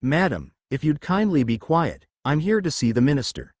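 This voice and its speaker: A sneering, impatient wizard professor, as a narrator puts him on, curt and disdainful with every word. His pitch still moves a lot, and the sound is close and dry. It fits a storybook reading. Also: sing-song, normal speed, darkish tone, no room sound. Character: cold sneering male potions professor, impatient.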